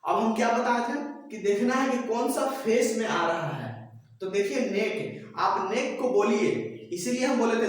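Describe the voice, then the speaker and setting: A male shorthand teacher giving a whiteboard lesson, patient and slow, checking again and again that the class has followed. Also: high-pitched, far from the mic. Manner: keeps asking "clear?" after each point; patient, repeats words slowly. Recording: echoey room, voice off-mic.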